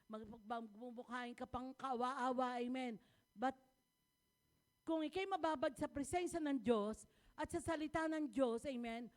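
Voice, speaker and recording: A woman pastor, preaching a sermon and mixing in English, calling out "amen?" often and building to emphatic exhortation. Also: high-pitched. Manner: Taglish preaching with repeated "amen?" calls.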